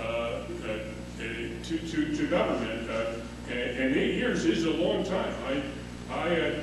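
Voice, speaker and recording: Speaking off the cuff at the podium of a big wood-paneled conference hall, a middle-aged male panelist halts often, restarting and filling gaps with "uh." His slightly high voice reaches a far-off podium mic, so the recording is echoey with a steady hum beneath it.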